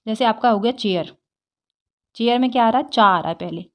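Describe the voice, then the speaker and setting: A woman's voice: on the high side, fairly quick, highs cut off. A woman teaching English grammar, explaining step by step, asking rhetorical questions and checking in with "theek hai".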